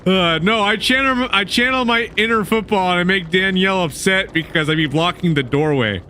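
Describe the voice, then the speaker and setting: A man's voice: sits high, fairly quick, pushed and bright, slight background noise. A young man chatting casually with his viewers while streaming a game, laughing often as he talks. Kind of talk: casual gaming stream chat.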